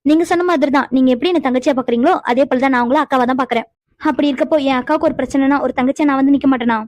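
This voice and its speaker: Woman voicing a caring, quick-talking cartoon heroine. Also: sits high, no room sound, close to an everyday voice. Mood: reassuring. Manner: reassuring, curious, lively. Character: young woman, caring, reassuring younger sister. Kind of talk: animated cartoon dialogue.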